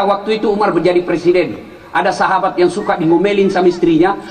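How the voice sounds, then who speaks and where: High-voiced man preaching a jokey sermon. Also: a little hiss or hum. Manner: joking storyteller who shouts punchlines at the congregation. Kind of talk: humorous sermon. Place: large hall with an audience. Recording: echoey hall, distant mic, faint crowd.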